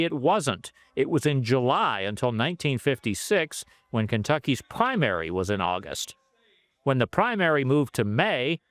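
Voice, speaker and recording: A man reporting a scripted history segment for a news program, with lively storytelling delivery. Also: medium pitch, dry recording.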